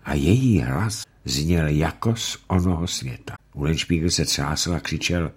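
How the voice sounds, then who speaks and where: A man reads a dark tale aloud in a grave, measured way. His voice sits very low and has a husky texture. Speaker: narrator. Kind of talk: dramatic audiobook narration.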